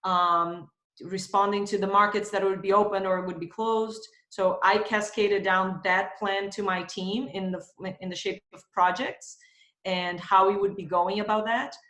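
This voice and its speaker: Speaking over video from her home in Spain, the guest, a Brazilian woman in her thirties with a marketing executive role, is thoughtful and uses many fillers. Her medium-pitched voice is fairly even, measured in pace, and a bit bright, and the room echoes.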